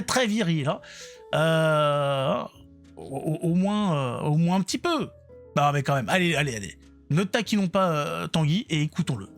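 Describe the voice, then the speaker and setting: A high-pitched man offers informal political reaction commentary online, speaking colloquially with sarcasm and a mocking tone.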